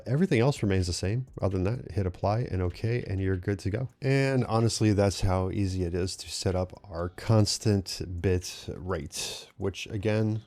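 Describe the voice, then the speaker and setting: A man with a low, mellow voice walks through settings in a casual tutorial. He rambles a little, leans on fillers and keeps checking in with "right?" as he explains. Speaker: tech tutorial host. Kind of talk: casual screen-recorded tutorial.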